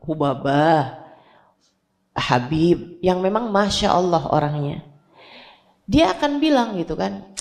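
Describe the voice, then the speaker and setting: Gravelly-voiced woman preacher. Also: on the high side. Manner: colloquial, animated, acts out examples. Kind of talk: sermon.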